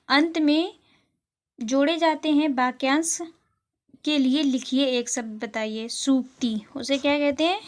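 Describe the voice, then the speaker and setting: High-voiced woman teaching exam answers. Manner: reads questions then explains and repeats answers. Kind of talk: exam-prep lesson.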